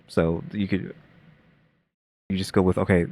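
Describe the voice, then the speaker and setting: Speaking in a deep, level, slightly mellow voice marked by vocal fry, a man offers loose commentary on a video he's watching. He wanders through his thoughts with plenty of fillers, speeding up and slowing down unevenly.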